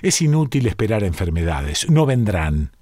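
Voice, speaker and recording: A man's voice: lowish voice, very animated, moderate pace, warm tone, dry recording, studio quality. A man voicing a thin man in his thirties with a wry, bitter, teasing manner in a read-aloud story.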